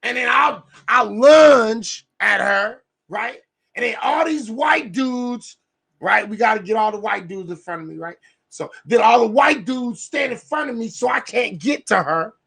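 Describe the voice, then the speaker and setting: A man's voice: extremely high pitch, expressive, a little slow, gravelly, fairly bright tone, husky. A man hosting a livestream, rambling and profane, who keeps checking in with "right?" as he lays out an idea. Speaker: livestream host. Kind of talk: casual livestream rant.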